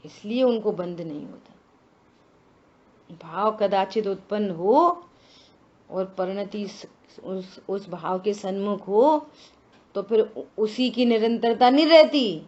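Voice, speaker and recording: A woman giving a religious scripture discourse, slow and deliberate, asking many rhetorical questions. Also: mid-range voice, a little mellow, muffled recording. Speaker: scripture teacher.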